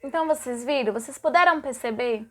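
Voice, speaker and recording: A woman's voice: high voice, brisk. A woman teaching a lesson, repeating words and acting out sound effects. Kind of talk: explanatory lesson.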